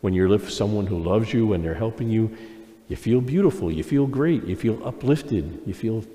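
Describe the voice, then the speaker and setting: A man serving as priest, reading the Gospel and preaching a homily at Mass in a calm, plain storytelling way for children, his voice carried by a cathedral echo in a large church. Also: fairly low pitch, normal speed. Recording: long echoey church reverb.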